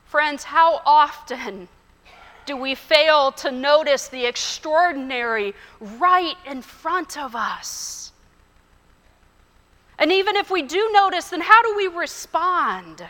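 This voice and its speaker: A woman pastor preaching a sermon in a church, earnest and measured, telling stories. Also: high voice, lively intonation, fairly bright tone, in a large hall. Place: church sanctuary.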